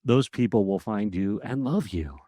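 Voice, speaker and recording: Chatting as a guest in a relaxed podcast interview, an outgoing man speaks at a moderate pace in a fairly low voice with real projection. He's lively and quick to laugh, and the audio is close and dry, free of room echo.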